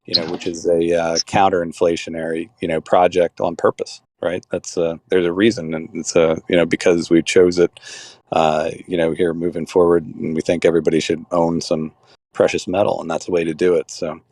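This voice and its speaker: A man's voice: sits low, flat delivery, brisk, darkish tone, no echo, clean studio sound. A man leading a crypto club call, talking casually and rambling with many restarts and fillers.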